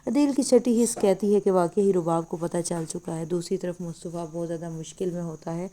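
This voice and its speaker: Mellow-voiced woman recapping a drama. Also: on the low side, steady tone. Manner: unscripted retelling with frequent hesitations. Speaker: drama reviewer. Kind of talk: retelling a TV drama episode.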